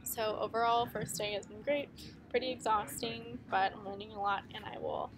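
A woman's voice: mid-range voice, fairly even intonation, normal speed, crowd noise. A young woman in her twenties, a student chatting with many ums as she explains things on a camera held at arm's length inside a big conference hall. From United States. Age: 20s. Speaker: student reporter. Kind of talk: casual video update to classrooms. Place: indoors at a large conference hall. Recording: noisy conference hall background.

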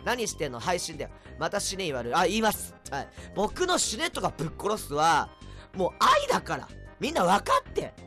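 A man chatting on a casual home livestream, a bit tipsy, reading comments with a rambling, erratic manner and sudden loud outbursts. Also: high voice, huge pitch swings, brisk, soft background music. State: tipsy from drinks. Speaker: livestreamer, band vocalist. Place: at home, indoors. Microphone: cheap desk mic.

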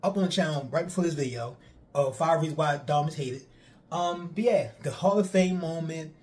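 A young man, riffing on pro wrestling for his stream chat in an animated, repetitive way. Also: fairly high pitch, normal speed. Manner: animated, repetitive, talks straight to viewers. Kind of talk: casual streamed commentary to chat.

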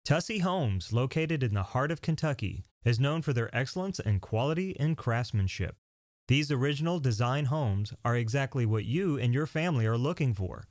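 A man announcing a scripted promotion in a steady, clear delivery. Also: medium pitch, normal speed, no echo, clean studio sound.

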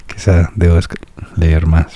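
A man's voice: low voice, monotone, takes it slowly, warm tone, dry recording. A young man with an American accent, a native English speaker, talking through his thoughts in a casual, searching reaction vlog. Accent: American, speaking Spanish. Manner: thoughtful, searching, with restarts and musing questions. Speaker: music reaction vlogger. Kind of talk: casual reflective monologue.

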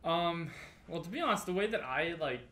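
Man, slightly high voice, joking questions, echoey room with steady background noise. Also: a little fast. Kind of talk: casual podcast chat. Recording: roomy echo with clear background noise.

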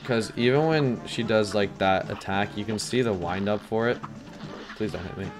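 A man's voice: on the low side, normal speed. A young man giving casual commentary while streaming a hard game, chatty and self-deprecating, with many fillers and sudden yelps. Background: game music.

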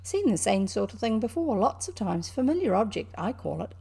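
A woman's voice: mid-range voice, very animated, moderate pace, vocal fry, dark tone, husky, heavily acted. A woman voicing a grumbling, literal-minded male mole in a storybook, indignant and easily put out. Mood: unimpressed. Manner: complaining, indignant, wordy. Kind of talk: animated storybook character reading.

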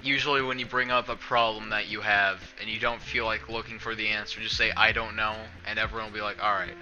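A man's voice: lowish voice, little pitch movement, quick pace, sharp tone, muffled recording, soft background music. A young man chatting casually while streaming from his bedroom, rambling in a self-deprecating, sarcastic way with plenty of swearing. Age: young adult. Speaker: streamer and video editor. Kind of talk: casual rambling livestream chat. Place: small bedroom indoors.

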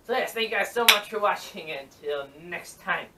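A young adult man chatting casually and haltingly as the jokey host of a vlog, recorded in a small bedroom. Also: sits high, expressive. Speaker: host of a challenge video. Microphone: camera a few metres away. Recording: distant, noisy camera mic with clicks.

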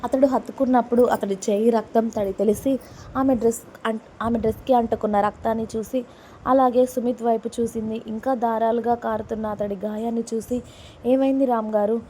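A woman narrates a serialized romance in a mellow, rather high voice. Her pitch stays fairly level, and she reads the dialogue in the same steady manner as the narration. A faint ambience sits behind her. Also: brisk, a little hiss or hum. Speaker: storyteller reading a serialized love story. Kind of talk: reading a story aloud, voicing all characters herself.

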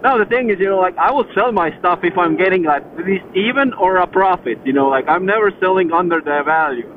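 This motorcycle vlogger, a man with an Eastern European accent, talks fast in a high voice, cursing and joking casually with a friend while out on his bike. The helmet headset gives a thin, phone-like intercom sound over road noise.

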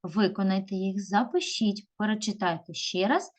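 A woman teaching a video lesson to young pupils, drawing words out slowly and calling them children. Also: mid-range voice. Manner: slow, drawn-out stressing of words; addresses pupils warmly as children. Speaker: primary school teacher.

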